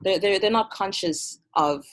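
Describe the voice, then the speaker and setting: She's a woman from Malawi with a mid-range voice, a music festival curator being interviewed casually as a guest over video call. She talks thoughtfully and at a measured pace.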